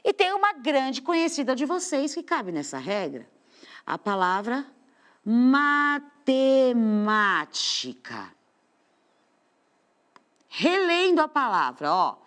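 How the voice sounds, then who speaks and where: A woman's voice: sits high, huge pitch swings, moderate pace, a bit bright. A Brazilian woman teacher giving a studio lesson to children, explaining patiently and stretching out the stressed words. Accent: Brazilian Portuguese.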